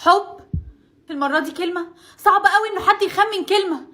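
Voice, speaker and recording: A woman with an Egyptian Arabic accent telling an animated cartoon story, dramatic and exclamatory, with quick comic reactions. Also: extremely high pitch, faint music behind.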